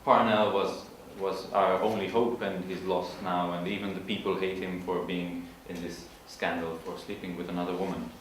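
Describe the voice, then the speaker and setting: A man giving an informal literature presentation, explaining in a halting way and searching for his words. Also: low voice, little pitch movement. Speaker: student presenter. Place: large room at an evening school event. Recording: echoey hall from far off, faint noise.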